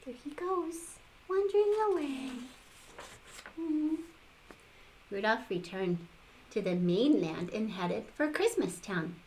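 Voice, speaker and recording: Sweet older woman, slow and lively. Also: on the high side, a little hiss or hum, rough recording. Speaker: grandmother reading to children. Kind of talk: expressive storybook read-aloud.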